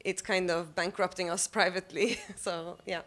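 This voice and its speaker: At a live panel discussion held in an arts venue's cafe, a woman who belongs to a collective speaks as a panelist. Her lowish, flat delivery is thoughtful and halting as she thinks out loud, often putting herself down.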